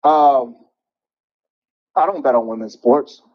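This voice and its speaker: A man calling in to a show from a parking garage, heard over a phone line that sounds like speakerphone, blunt and opinionated with halting restarts. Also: medium pitch. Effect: phone call that sounds like it is on speakerphone. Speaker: caller. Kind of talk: casual call-in chat.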